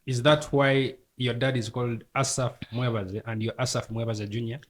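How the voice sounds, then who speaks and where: A man's voice: mid-range voice, flat delivery, normal speed. A man hosting an interview, asking short questions and prompting his guest. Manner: brief prompting questions, back-channel murmurs. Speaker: interview host.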